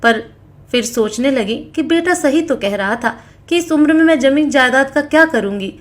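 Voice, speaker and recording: A woman's voice: lively intonation, normal speed. A woman narrating a family moral story, voicing every character in her own voice with only small changes. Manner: reads all characters in her own voice, small pitch shifts.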